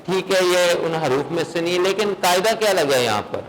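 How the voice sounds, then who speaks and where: A man teaching a recitation class, quizzing his students on the rules and chanting verses slowly to show how they are read. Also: sits high, a little hiss or hum, poor audio. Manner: questions students, then chants verses in slow melodic recitation. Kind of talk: classroom lesson.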